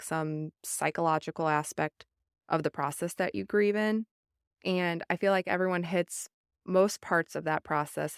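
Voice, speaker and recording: Low smooth Southern woman, earnest. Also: dry recording, studio quality. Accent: Southern American. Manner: earnest, reflective, many fillers. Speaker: book club podcast host. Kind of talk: casual book discussion.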